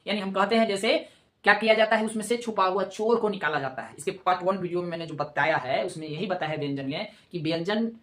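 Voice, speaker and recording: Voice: medium pitch, fast, a bit bright, reverberant. A teacher giving an online grammar lesson, explaining step by step, asking rhetorical questions and answering them, and repeating key terms.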